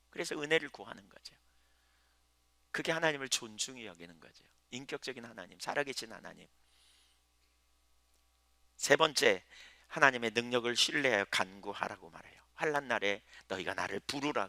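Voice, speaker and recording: A man's voice: mid-range voice, lively intonation, fairly quick, vocal fry, bright, forceful tone, no room sound. A male pastor preaching a sermon in a conversational way, asking his listeners questions, letting his voice swell and then drop almost to a whisper.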